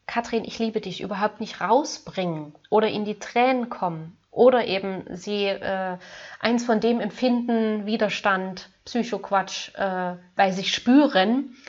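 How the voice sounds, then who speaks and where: Earnest German woman life coach, softly coaching. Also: mid-range voice, highs cut off. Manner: gentle, earnest, addresses listener formally. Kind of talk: self-help talk to the viewer.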